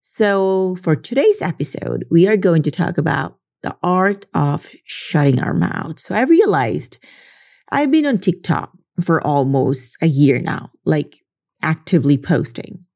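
Her voice sits low, with a dark tone and a sing-song lilt, moving a little slowly. A Filipino social media creator, she reflects earnestly in a casual monologue, frequently saying "you know" and checking in with "right?"

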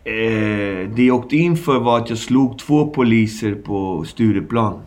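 A man's voice: fairly low pitch, animated, a little mellow. A man in his forties from the Stockholm suburbs, recounting his past in a candid interview with slangy, vivid retelling and sound effects. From Stockholm suburbs, Sweden. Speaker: guest.

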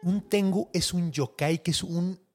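A storyteller host with a Mexican Spanish accent speaks at a measured pace in a mellow voice, with soft music in the background. He tells a folk tale in casual, slang-filled chat, acting out the characters' lines with big swings in pitch.

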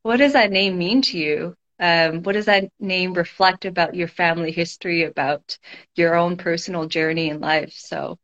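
A woman's voice: on the low side, fairly even intonation, moderate pace, a bit bright, muffled recording. A woman guest in a casual conversation, thinking aloud in a reflective way, with frequent fillers and restarts. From Toronto, Canada.

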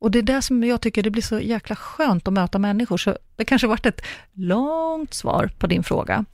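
A woman's voice: on the high side, expressive, darkish tone, no echo, studio quality. A middle-aged woman, a coach, explaining ideas in a chatty way with acted-out example dialogues. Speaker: coach and communicologist guest. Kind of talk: casual podcast conversation.

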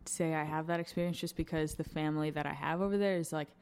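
A woman's voice: deep voice, steady tone, quick pace, darkish tone, smooth. A young woman from Wisconsin talking casually and candidly, with lots of fillers and the odd swear word. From Madison, Wisconsin. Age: young adult. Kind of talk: casual chat.

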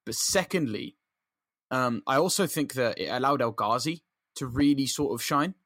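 A man's voice: medium pitch, lively intonation, normal speed, a bit bright, no room sound. A man co-hosting a football podcast, talking earnestly and rambling with restarts. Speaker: podcast co-host. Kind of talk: casual football chat.

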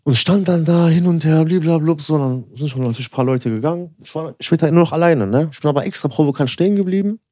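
Barely pausing, a young man who co-hosts a podcast rattles through a rambling story loaded with "so" and "ne," playing out both sides of quoted dialogue. He's a fast talker with a warm, higher-than-average voice, recorded dry with clean studio sound.

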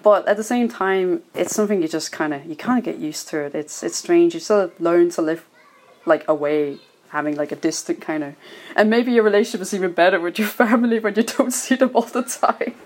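A woman's voice: lowish voice, brisk, darkish tone. A woman in her thirties from Denmark, with a Danish accent tinged with Dublin Irish, chatting as an interview guest, rambling and laughing often. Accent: Danish with some Dublin Irish. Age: 30s. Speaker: guest, illustrator. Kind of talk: casual interview chat.

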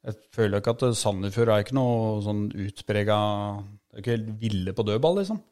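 A man's voice: lowish voice, a little mellow. A man co-hosting a podcast, reflecting and building his argument step by step in casual chat. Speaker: podcast co-host, football fan.

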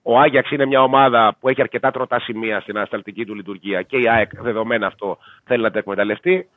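A man breaks down a football match for a casual sports betting talk show, weighing each point with pauses and fillers. His voice comes over a tinny, phone-like line. The sound is dry and close. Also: medium pitch, fairly even intonation, no room sound. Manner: measured, thinks aloud with fillers. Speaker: football analyst.

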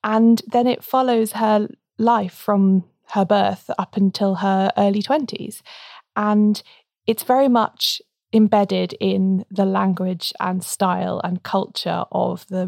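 A woman's voice: mid-range voice, steady tone, measured pace, gravelly, darkish tone, no echo, studio quality. A woman co-hosting a podcast, talking casually and articulately in a book discussion. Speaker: podcast co-host.

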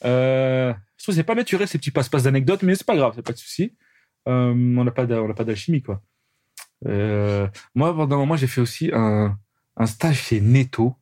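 A man's voice: medium pitch, moderate pace, mellow, dry recording, studio quality. A man in his twenties co-hosting a podcast, teasing his friend in mock-grumpy casual chat. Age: 20s. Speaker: podcast co-host.

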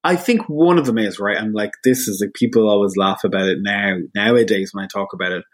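A man's voice: on the low side, quick pace. A man in his thirties with an Irish accent, a radio presenter chatting casually as an interview guest, rambling and self-deprecating. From Ireland.

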